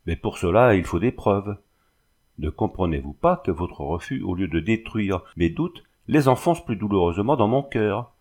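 A man's voice: lowish voice, lively intonation, normal speed, darkish tone. A man reading the lines of a suspicious young man who pleads and insists with his cousin. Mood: pleading.

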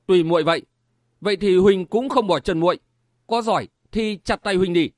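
A man's voice: high voice, brisk, darkish tone, no echo, clean studio sound, close to an everyday voice. A man voicing a tender, stubborn young swordsman in a martial-arts romance audiobook, talking in an earnest, soothing way. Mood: teasing.

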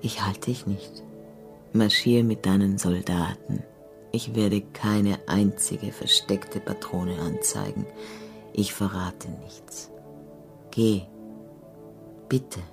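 A woman's voice: extremely low pitch, huge pitch swings, slow, long pauses, music in the background, full character voice. A weary, remorseful older woman. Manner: hushed, broken, often whispering. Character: weary older woman, remorseful, letting her young lover go. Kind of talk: radio play acting.

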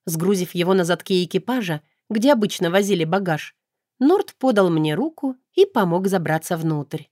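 A woman narrating a first-person audiobook in a smooth, even storytelling manner. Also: lowish voice, moderate pace, dry recording, studio quality.

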